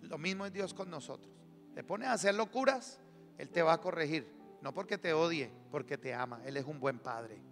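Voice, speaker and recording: A man's voice: on the high side, expressive, normal speed, gravelly, fairly bright tone. A man preaching an emphatic sermon as pastor, calling on the congregation to answer. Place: church hall. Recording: live church sermon in reverberant hall with music.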